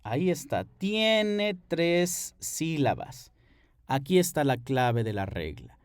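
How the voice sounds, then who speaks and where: A man's voice: a little high, big pitch swings, slow, clean tone, no room sound, studio quality. A man teaching an English grammar lesson at a board, patient, explaining rules step by step and checking in with his students.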